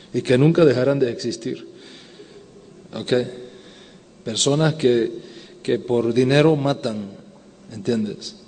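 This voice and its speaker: A man's voice: medium pitch, warm tone. Rabbi guy lecturing at a conference, patient explainer, lots of "ok?", long echo from the hall. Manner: explanatory, often checks in with "ok?". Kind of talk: conference lecture answering questions.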